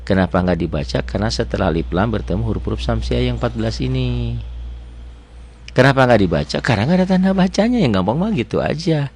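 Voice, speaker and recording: A man teaching Quran reading, patiently explaining step by step and slowly stretching out words to demonstrate recitation. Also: medium pitch, expressive, a little mellow, slight background noise. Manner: patient, explains step by step, asks and answers his own questions. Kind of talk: teaching lesson.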